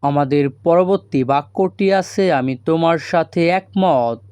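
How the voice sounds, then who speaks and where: A man's voice: a little high, measured pace, a little mellow, clean tone, dry recording. A man teaching phrases as a language lesson, patiently breaking each phrase into parts and repeating it. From Bangladesh. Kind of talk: slow step-by-step phrase lesson.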